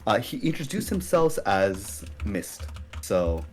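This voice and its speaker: A young man narrating as game master of a tabletop game, casual and halting with many fillers. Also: fairly low pitch, sing-song.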